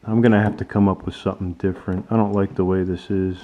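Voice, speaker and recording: A man's voice: sits low, flat delivery, fast talker. A man giving casual hands-on commentary in a workshop, thinking aloud informally as he works. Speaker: DIY car builder presenting his project. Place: workshop at a workbench and beside a truck. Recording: dull lo-fi audio with clear noise.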